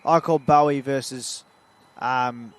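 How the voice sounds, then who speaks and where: A man's voice: medium pitch, fairly even intonation, a little slow. A man with an Australian accent calling amateur football play-by-play in a chatty way, rising when play picks up. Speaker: play-by-play commentator. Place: at a suburban football ground.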